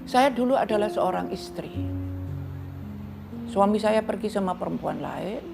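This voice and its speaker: Brief: a woman playing an abandoned young mother pleading softly, rough gravelly edge. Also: medium pitch, expressive, unhurried. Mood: sorrowful. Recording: music playing underneath.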